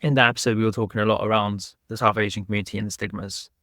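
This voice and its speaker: Easygoing male podcast host, low voice. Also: flat delivery, racing, pushed and bright, dry recording, clean studio sound. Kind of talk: podcast interview.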